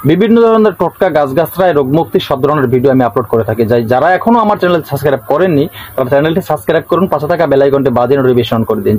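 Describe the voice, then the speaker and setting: A man with a Bengali accent hosting his channel, explaining a ritual to viewers in a repetitive, drawn-out way. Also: a little high, darkish tone, poor audio. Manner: repetitive, draws out words slowly when reciting. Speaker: channel host teaching folk rituals. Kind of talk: casual instructional talk to viewers.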